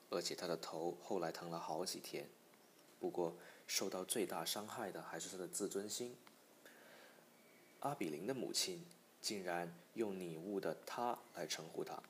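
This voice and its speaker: A man narrating a storybook in a measured, even manner. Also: low-pitched, slight background noise. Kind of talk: audiobook storytelling.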